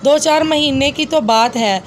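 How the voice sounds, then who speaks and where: A woman's voice: sits high, a little slow, slight background noise. A woman reading a story aloud, voicing a worried older mother who speaks in a fussy, cautioning way.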